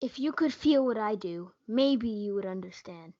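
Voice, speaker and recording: A woman's voice: mid-range voice, expressive, moderate pace, mellow, close to an everyday voice. A young woman playing Romeo, a passionate, hot-blooded young man, in a student readers theatre performance. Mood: anguished. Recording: muffled lo-fi home recording.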